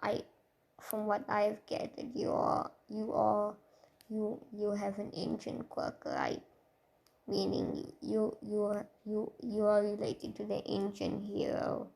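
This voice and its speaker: A woman voicing a calm, scheming young male alien king in a fan story, speaking quietly and haltingly. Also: medium pitch, creaky.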